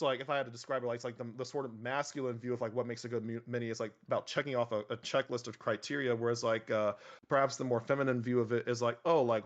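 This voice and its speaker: A young man chatting casually as a podcast guest, animated and rambling, full of fillers and restarts. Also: medium pitch, muffled recording. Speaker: podcast guest, miniature painter. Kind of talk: casual conversational interview.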